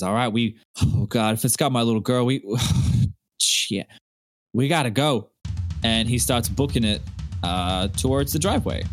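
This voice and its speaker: A man running a tabletop role-playing game as game master, telling the scene descriptively in a casual way. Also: lowish voice. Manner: descriptive storytelling, casual asides.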